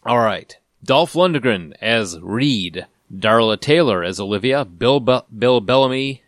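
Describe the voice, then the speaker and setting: A man's voice: mid-range voice, animated, slow, fairly bright tone, no echo, studio quality. A man hosting a casual podcast movie review, joking as he reads out the cast and trivia. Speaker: podcast host.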